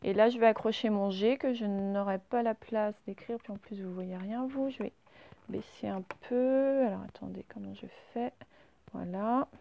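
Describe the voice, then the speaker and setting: A woman's voice: mid-range voice, gravelly, mellow. A woman teacher in a classroom at the blackboard, patiently talking pupils through joined-up handwriting step by step. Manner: slow, patient step-by-step dictation. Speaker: primary school teacher. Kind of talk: recorded handwriting lesson.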